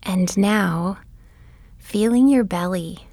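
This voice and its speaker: A woman guiding a bedtime body-scan meditation, speaking softly and gently, often in a whisper. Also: medium pitch, no room sound. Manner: soft, often whispered delivery; gentle, soothing and unhurried. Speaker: meditation guide.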